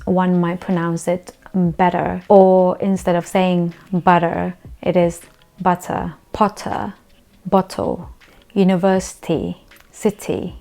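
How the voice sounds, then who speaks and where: A young woman, not a native English speaker, teaching pronunciation to camera, slowing down to say example words deliberately. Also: on the low side, darkish tone. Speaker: accent coach. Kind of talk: explanatory lesson to camera.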